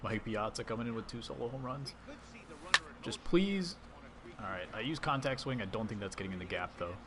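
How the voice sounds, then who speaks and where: While playing a baseball video game live, a man chats casually and replies to messages from his viewers. He has a mid-range voice, sounds animated and talks a little fast, with background noise.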